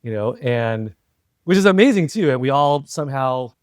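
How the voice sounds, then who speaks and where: A man's voice: mid-range voice, expressive, normal speed, clear, resonant tone, no room sound, studio quality. A middle-aged American man chatting reflectively as an interview guest, talkative and often checking for agreement as he goes. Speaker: interview guest, entrepreneur and former CEO. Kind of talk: casual conversational interview.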